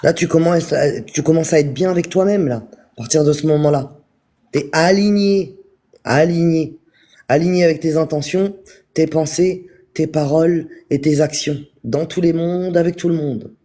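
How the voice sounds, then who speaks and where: A man giving a calm, repetitive spiritual talk on a live stream, speaking straight to his viewers. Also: on the high side, normal speed. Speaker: spiritual teacher.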